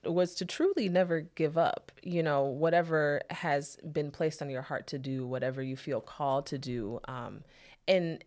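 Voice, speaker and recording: A woman's voice: low-pitched, normal speed, a little mellow. A woman in her thirties, a therapist and podcast guest, talking reflectively and searching for her words. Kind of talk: casual interview chat.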